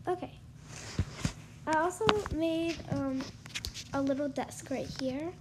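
A gaming YouTuber, a young woman stuffed up from allergies, speaks slowly in a high, congested voice. She casually tours a house she built in a game, full of ums and likes, with heavy background noise.

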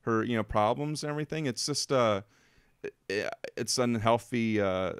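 Clean studio sound with no echo captures a man's medium-pitched, clean-toned voice at a moderate pace. He's a podcast co-host giving a casual film review chat that is rambling, emotional and full of fillers.

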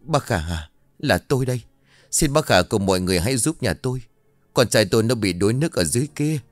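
A man's voice: mid-range voice, expressive, fast, dry recording, soft background music, voice pushed up, close to an everyday voice. A man voicing a grieving, frightened old village mother who speaks in trembling, wailing pleas, raised above his own voice.

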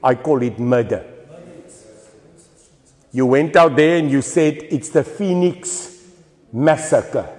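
A man with a South African accent giving an impassioned political rally speech, swinging between loud declarations and hushed lines. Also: a little high. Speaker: political party speaker. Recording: long hall reverb.

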